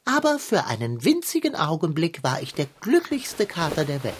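A woman's voice: sits low, huge pitch swings, moderate pace, slight background noise. A woman voicing a sly, pompous male pirate cat in a children's audio drama, smug and mock-formal. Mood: wry.

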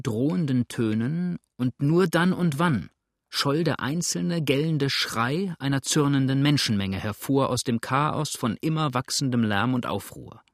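A man reading a novel aloud as narrator in a steady storytelling manner. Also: medium pitch, vocal fry, no room sound, clean studio sound. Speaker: audiobook narrator.

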